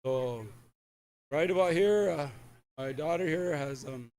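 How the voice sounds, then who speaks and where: A middle-aged man giving a ceremonial thank-you speech and calling up honorees, halting and repetitive with frequent filler phrases. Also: on the high side, a little mellow. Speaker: powwow speaker calling up honorees. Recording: noisy live event with ambient sound.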